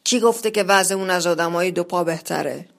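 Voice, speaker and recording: A bitter, defiant wheelchair user who mocks every hopeful word, read aloud by a storyteller. He shouts his taunts with scorn and a dark, gloomy edge. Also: medium pitch, creaky, lightly acted.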